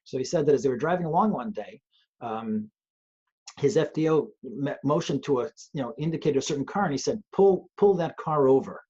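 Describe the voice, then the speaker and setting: A man's voice: mid-range voice, a little fast, darkish tone, husky, lo-fi sound. A man, a police trainer, talking earnestly and thoughtfully on a webcast, often restarting his sentences. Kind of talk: conversational webcast talk. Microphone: video call.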